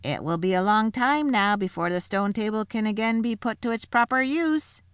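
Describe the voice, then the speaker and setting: A woman's voice: medium pitch, lively intonation, moderate pace, clear, resonant tone, no echo, studio quality, voice pushed up, close to an everyday voice. A woman voicing an anxious, scheming male dwarf who wheedles his queen.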